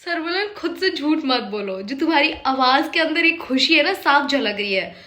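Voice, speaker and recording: A woman giving a casual, animated drama review, often switching into English and teasing the characters as if talking straight to them. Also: high-pitched, moderate pace.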